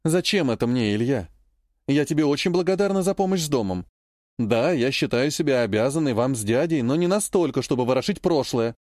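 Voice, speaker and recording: A man's voice: medium pitch, lively intonation, brisk, a little mellow, no room sound, natural voice. A man reading the lines of a cold, curt, proud woman in an audiobook, in a dry and clipped manner. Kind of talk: audiobook character voice.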